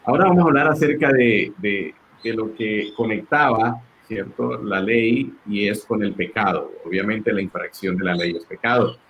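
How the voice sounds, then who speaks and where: Low-voiced male pastor chatting about scripture. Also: normal speed, hardly any pauses, highs cut off, a little hiss or hum. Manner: conversational, uses fillers and tag questions. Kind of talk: Bible study discussion.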